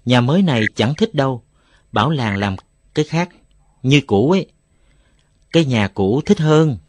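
A man's voice: mid-range voice, lively intonation, moderate pace, darkish tone, no echo, pitched above the performer's own voice, natural voice. Man doing a cheeky village boy. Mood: demanding.

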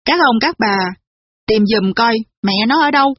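A woman voicing a kind masked nobleman who hands a lost child back to her mother, in a gentle tone. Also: on the high side, lively intonation, normal speed, dry recording, muffled recording. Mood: kindly.

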